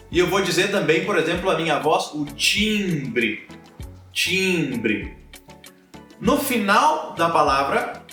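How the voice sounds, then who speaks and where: Brazilian man, young, language teacher, repeats example words slowly, roomy echo, a bit off-mic. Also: a little high, bright, forceful tone, distant mic. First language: Portuguese. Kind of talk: teaching pronunciation.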